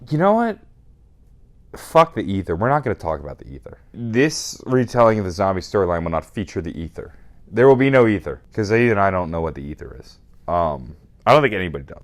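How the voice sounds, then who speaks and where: A very drunk man rambling through a casual comedic retelling as host, emphatic and profane, often losing track and correcting himself. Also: deep voice. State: very drunk, burping. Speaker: host retelling a video game storyline.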